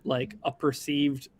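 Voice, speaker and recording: A man co-hosting a casual sports podcast, joking and rambling as he talks. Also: medium pitch.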